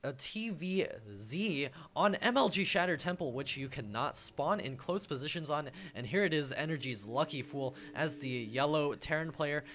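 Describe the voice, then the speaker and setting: A man's voice: medium pitch, a bit bright. A man casually commenting on a live strategy game match, rambling a little and chuckling at himself. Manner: rambling, self-deprecating, chuckles often. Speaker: game caster.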